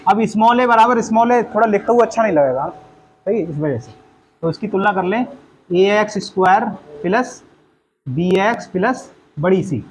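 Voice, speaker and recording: A man teaches a math class, working through each step aloud and firing questions at his students. His voice sits high. Faint classroom noise runs under the recording. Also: expressive, moderate pace, poor audio. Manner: explains steps aloud, quizzes the class with questions. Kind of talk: classroom lesson.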